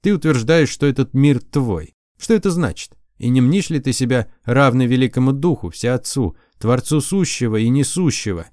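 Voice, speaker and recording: A man reading an audiobook, voicing a blunt, distrustful young warrior with a gruff, sarcastic manner. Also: mid-range voice, expressive, moderate pace, a little mellow, no echo, studio quality, pitched above the performer's own voice, close to an everyday voice. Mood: questioning. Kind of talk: audiobook character voice.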